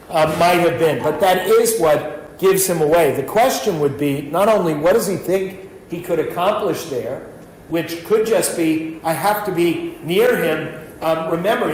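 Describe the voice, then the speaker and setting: Slow, thoughtful pastor from New York. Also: male voice, on the high side. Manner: slow, thoughtful, with frequent fillers and restarts. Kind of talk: Bible study talk. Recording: echoey room with faint noise.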